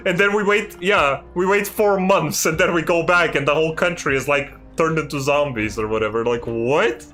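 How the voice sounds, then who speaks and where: A man streaming a video game, ranting and swearing in exasperated, loud commentary about the story. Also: a little high, moderate pace. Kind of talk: live gameplay commentary.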